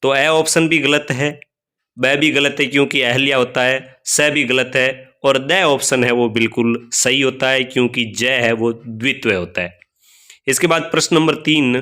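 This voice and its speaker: A man teaching Hindi grammar, reading out quiz questions and explaining each option one by one, slowing down to spell out letters and addressing viewers as friends. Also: medium pitch, sharp tone. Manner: slows down to spell out letters and vowel signs. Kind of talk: spoken quiz walkthrough lesson.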